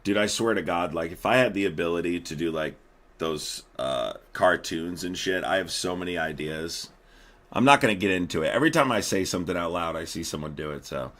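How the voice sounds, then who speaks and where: Brief: young male streamer, lively swooping delivery, bright forceful voice, swears a lot. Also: deep voice, fairly quick. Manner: profane, animated, laughing riffs. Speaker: streamer host. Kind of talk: casual live-stream commentary.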